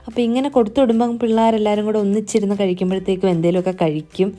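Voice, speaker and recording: A woman's voice: medium pitch, fairly even intonation, very fast, warm tone. A woman vlogger narrating her household day in a chatty, friendly voice-over. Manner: chatty, friendly, often adds a conversational tag to sentences. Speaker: homemaker vlogger.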